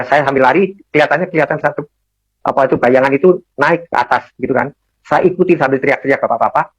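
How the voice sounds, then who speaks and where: A man's voice: medium pitch, dry recording. An older man giving a personal testimony in a rambling, repetitive way, with many fillers. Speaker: testimony speaker. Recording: dull, dry lo-fi recording.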